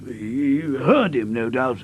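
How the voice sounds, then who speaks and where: An actor playing an earnest, loyal gentleman doctor in an audio drama, proper and easily astonished. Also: medium pitch, animated, slow pace, slight background noise. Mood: puzzled, earnest. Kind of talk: audio drama acting and narration.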